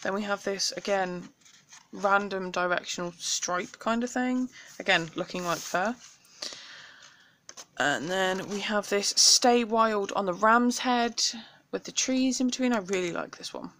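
A woman's voice: medium pitch, measured pace, fairly bright tone, a little hiss or hum. A young woman from the UK with a British accent, chatting through a craft haul at home, enthusiastic and sprinkled with ums. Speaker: craft vlogger. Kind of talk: casual craft haul show-and-tell.

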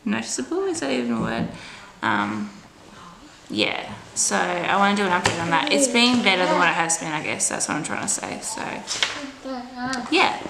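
Talking to the camera at home, this Australian woman in her twenties vlogs in a casual, halting way, with a slight stutter. She sounds very animated in a mid-range voice at a moderate pace, and the room is audible. Background noise comes through clearly on the home camera recording.

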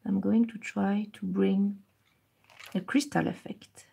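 Husky-voiced woman coloring live. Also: medium pitch, steady tone, takes it slowly. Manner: switches between French and English, repeating each step; soft, murmured while concentrating on coloring. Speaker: live coloring stream host. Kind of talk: bilingual live coloring tutorial, reading chat.

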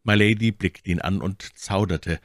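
A man reading a classic novel aloud in measured audiobook narration. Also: low voice, no echo, clean studio sound. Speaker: audiobook reader.

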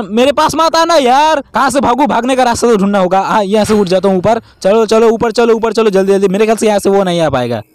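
A young man giving excitable gameplay commentary, talking straight to viewers with lots of exclamations. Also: high-pitched, dry recording. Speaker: gaming YouTuber.

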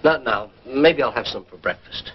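Man acting a sulky American husband, stammering bluster, animated pitch, old radio comedy, dull faintly noisy sound. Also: moderate pace, lightly acted.

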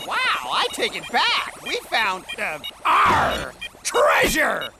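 A woman's voice: high voice, wildly swooping pitch, slow, creaky, very noisy, exaggerated voice. A woman voicing a wisecracking talking pet dog in a cartoon, dry and sarcastic. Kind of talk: cartoon voice acting.

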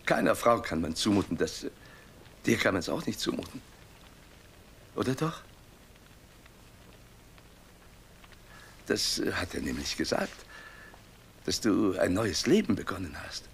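An actor dubbing a lonely middle-aged man back from an asylum, speaking in a halting, imploring way in a 1930s film drama. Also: deep voice, big pitch swings, vocal fry, a bit bright, slight background noise, full character voice. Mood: resigned.

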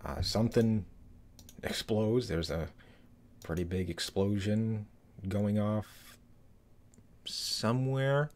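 A man's voice: on the low side, slow pace, pauses often, a little mellow. A man in his thirties giving casual, rambling commentary on a trailer from a small room, with lots of fillers and restarts. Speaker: YouTube trailer reviewer.

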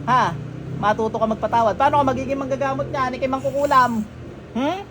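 A faith healer, sternly questioning a patient and murmuring ritual chants during a healing session at home. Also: male voice, extremely high pitch, steady tone, a little fast, fairly bright tone, a little hiss or hum.

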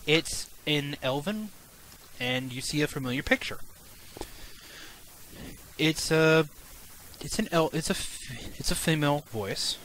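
A man runs a tabletop fantasy game as game master with casual, playful narration. His voice is bright and animated, a little halting, on a slightly noisy mic. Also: fairly high pitch.

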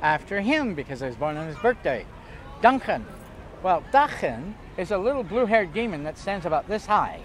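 In a high, sing-song voice at a moderate pace, an older man tells casual stories while being interviewed outdoors on a waterfront pier. He keeps things chatty, theatrical and jokey, laughing loudly in bursts, as street noise goes on behind him.

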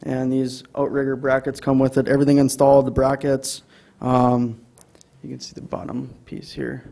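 A man's voice: mid-range voice, completely flat delivery, moderate pace, gravelly, mellow. A man with an Upper Midwest American accent presenting an item to a city council, with many ums and restarts. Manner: hesitant, many fillers. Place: council chamber.

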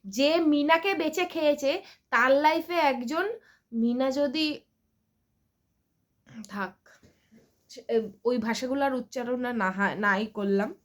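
Woman, high voice, vlogger, casual commentary, blunt, scornful, chatty fillers. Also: unhurried, long pauses. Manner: blunt, scornful ranting with crude insults; chatty, many fillers and check-ins.

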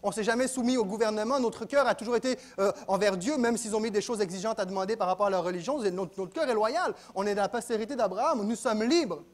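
A man preaching a sermon in a church, dropping to quiet asides and then rising to loud exclaims. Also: high-pitched, quick pace, hardly any pauses. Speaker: pastor.

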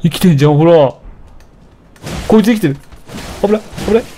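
A man giving casual, animated commentary while playing a game, often taunting enemies and shouting at the screen. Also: sits high, fairly quick, a little hiss or hum. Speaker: let's play commentator.

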